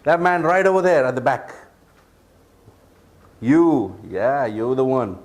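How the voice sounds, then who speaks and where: A man presenting a public speaking workshop, lively and joking with the audience. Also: medium pitch, takes it slowly. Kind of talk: live workshop talk.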